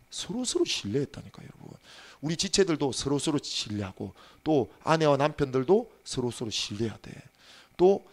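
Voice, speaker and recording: Animated preaching man, lively pitch. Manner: animated preaching, swings from hushed asides to loud emphatic calls; speaks to the congregation directly and has them repeat after him. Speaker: pastor. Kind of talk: sermon.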